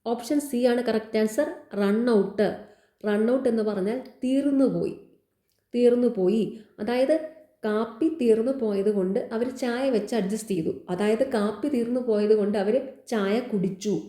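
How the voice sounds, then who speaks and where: A woman's voice: on the high side, normal speed, warm tone, roomy sound. A woman explaining exam grammar answers as a teacher, repeating key words and asking quiz questions.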